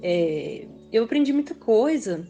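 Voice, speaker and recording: With a fairly high, sing-song voice and a slightly slow pace, this Minas Gerais author from Belo Horizonte chats reflectively in an interview, hesitating, saying "assim" a lot, and laughing frequently. The recording is muffled, with music behind her.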